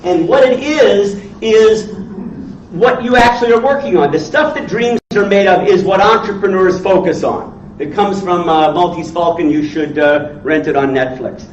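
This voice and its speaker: A man in his sixties lectures informally with a blunt, needling, salty manner. His voice sits high for a man. It is picked up from a distance in a very echoey room, with a slightly dull sound. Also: normal speed, slight background noise. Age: 60s. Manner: blunt, teasing, salty, quizzes listeners. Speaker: entrepreneur lecturer. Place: indoor teaching room with audience.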